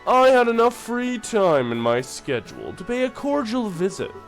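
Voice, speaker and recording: A man voicing a calculating middle-aged imperial chancellor who speaks in a measured, formal way. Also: high voice, huge pitch swings, faint music behind, full character voice, low-quality recording. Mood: smooth formal.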